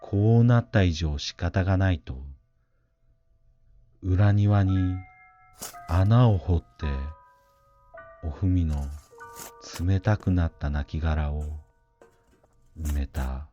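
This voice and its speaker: A man narrating a scripted ghost story in a hushed, grave, unhurried manner. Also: deep voice, lo-fi sound, soft background music.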